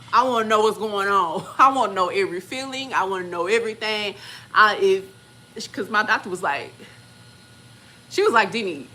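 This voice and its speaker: Bright-voiced woman telling a story casually. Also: slight background noise, poor audio. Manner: animated, acts out quoted voices with big pitch jumps. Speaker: channel host.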